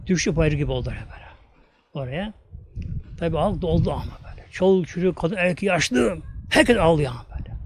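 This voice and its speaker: High-voiced older man telling a sermon story. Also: animated. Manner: emotional, slow storytelling with drawn-out pauses. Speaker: preacher. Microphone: audio recording of a talk.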